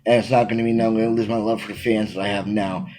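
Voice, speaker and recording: A man's voice: on the low side, racing, rough recording. A man in his thirties, a wrestling manager answering interview questions he reads aloud, talking emphatically into a phone camera in a small room at home. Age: 30s. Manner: energetic, emphatic, gestures a lot. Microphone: phone camera at arm's length.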